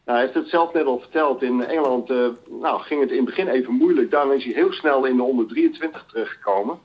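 A man calling into a live football show as an analyst, lively and enthusiastic describing players. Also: medium pitch, fast talker. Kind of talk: casual call-in commentary. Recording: dull lo-fi phone line.

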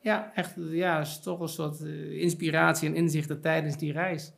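A man's voice: on the high side, little pitch movement, moderate pace, gravelly, fairly bright tone. A middle-aged man, a podcast guest and author, talking reflectively in a casual chat with many fillers and repeated words. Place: podcast studio.

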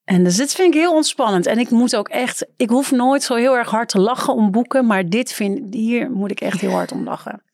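A woman author from the Netherlands, a podcast guest talking casually and brightly. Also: moderate pace, few pauses, no echo, clean studio sound. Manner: lively, quotes texts in a higher playful voice.

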